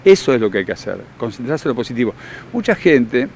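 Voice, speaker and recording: Un hombre con acento argentino que da talleres y explica con tono seguro, didáctico y enfático. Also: male voice, mid-range voice, big pitch swings, fast talker, darkish tone, slight background noise. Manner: confident, instructive, emphatic. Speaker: workshop leader and therapist. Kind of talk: explanatory interview answers.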